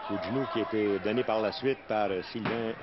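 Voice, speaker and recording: A man's voice: lowish voice, fairly even intonation, quick pace, heavy background noise. A man with a Quebec French accent giving colourful, exclamatory live fight commentary as play-by-play man. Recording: dull broadcast sound, loud music behind.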